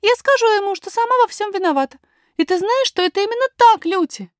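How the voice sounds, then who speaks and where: A woman's voice: extremely high pitch, quick pace, no room sound, studio quality, voice pushed up. A woman reading a storybook, voicing a young princess girl who is frightened but willful, speaking in an eager, pleading way. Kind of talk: audiobook character voice.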